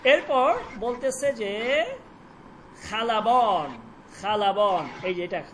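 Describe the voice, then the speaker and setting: A Persian teacher who repeats words slowly for pronunciation and quizzes the students. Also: mid-range voice, a bit bright, a little hiss or hum, poor audio. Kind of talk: online language lesson.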